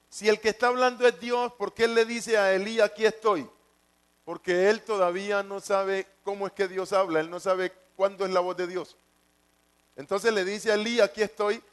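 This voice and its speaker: High-voiced man preaching. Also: fairly bright tone, smooth. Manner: repetitive, asks the congregation questions. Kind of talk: sermon.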